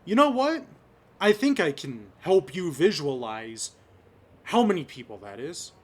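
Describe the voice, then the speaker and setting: A young man from Las Vegas speaks his mind in a personal commentary video. His fairly high voice swings widely, and he talks slowly and deliberately. He sounds choked up at times and climbs into angry, raised outbursts. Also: very animated. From Las Vegas, Nevada. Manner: slow, impassioned, rising to shouts of anger. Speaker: vlogger.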